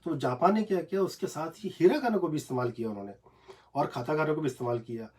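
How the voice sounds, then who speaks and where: A man teaching Japanese script in a casual, halting home video lesson, recorded on a phone in a small cramped room. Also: on the high side, darkish tone, slightly rough. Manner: hesitant, many fillers, repeats syllables slowly.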